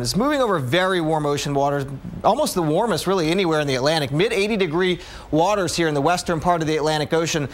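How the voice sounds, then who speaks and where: Male weather presenter, fairly high voice, explains a live forecast conversationally.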